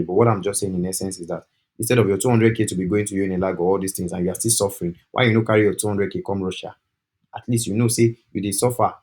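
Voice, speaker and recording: A young Nigerian man with a Nigerian accent, giving an animated, persuasive talk on a group call and slipping into pidgin. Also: lowish voice. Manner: animated, switching into pidgin, preachy. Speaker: study-abroad agent.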